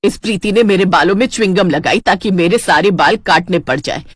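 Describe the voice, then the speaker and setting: A woman voicing a sharp-tongued middle-aged mother-in-law in a storybook tale, scolding and vengeful. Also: fairly low pitch, fairly quick, husky, no room sound, clean studio sound. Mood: furious. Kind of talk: storybook character voice.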